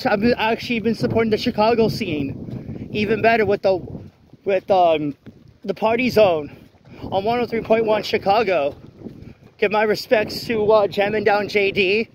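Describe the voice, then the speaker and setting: High-voiced man ranting on a rainy night walk. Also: background noise. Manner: blunt, ranting, with frequent laughs and restarts. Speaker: vlogger. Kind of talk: walk-and-talk vlog rant. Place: outdoors on a wet city street at night in the rain. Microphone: phone held while walking.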